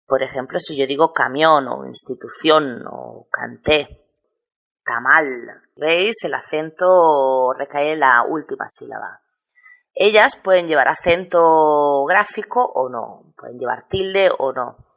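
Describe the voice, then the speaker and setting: A woman's voice: low voice, lively intonation, creaky. A woman, teaching a recorded lesson and explaining step by step. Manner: patient, explains step by step and spells out syllables slowly. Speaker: Spanish teacher. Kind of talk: recorded lesson on spelling rules.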